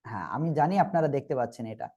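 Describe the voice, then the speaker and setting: The recording is lo-fi: a man speaks very fast and expressively in a medium-pitched, dark voice. With a Bangladeshi Bengali accent, he teaches Arabic letters in a Quran reading lesson, patiently repeating and checking that learners follow.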